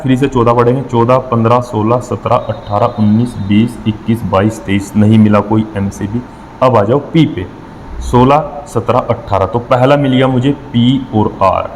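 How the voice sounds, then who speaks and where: A man's voice: medium pitch, normal speed, in a large hall, slight background noise, rough recording. A man teaching an exam-prep reasoning lesson, working through problems step by step and counting numbers aloud with frequent checks on his students.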